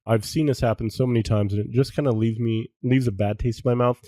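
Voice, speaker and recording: A man co-hosting a podcast in casual chat, relaxed and agreeable, laughing easily. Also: medium pitch, fast talker, no echo. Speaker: podcast co-host.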